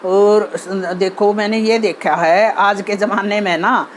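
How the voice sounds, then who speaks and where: A woman's voice: mid-range voice, steady tone, slow pace, a little hiss or hum. A woman with a Haryanvi accent hosting her channel, talking earnestly about social behavior with many fillers and restarts. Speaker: channel host giving advice. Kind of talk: casual talk on social behavior.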